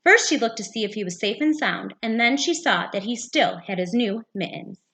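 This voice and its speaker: A woman's voice: a little high, animated, moderate pace, bright, forceful tone. A woman, a teacher, reading a picture book aloud for young children. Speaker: second-grade teacher.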